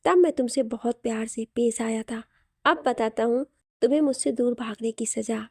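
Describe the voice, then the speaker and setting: Cruel threatening man voiced by a woman, gravelly, dark tone, dry sound. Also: fairly high pitch, normal speed, no echo. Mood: angry threat. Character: cruel, menacing adult male kidnapper. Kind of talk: storytelling narration.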